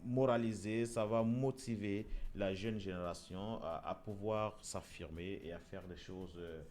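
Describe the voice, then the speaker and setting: A man's voice: lowish voice, steady tone, a little slow, darkish tone, slight background noise. A man hosting a casual discussion show, talking with frequent fillers, repeated words and restarts. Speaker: show host.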